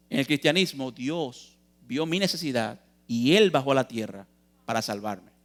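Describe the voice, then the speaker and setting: A man's voice: fairly high pitch, fairly bright tone. A man preaching a youth sermon in a church, earnest and emphatic, posing questions and answering them, calling his listeners brothers.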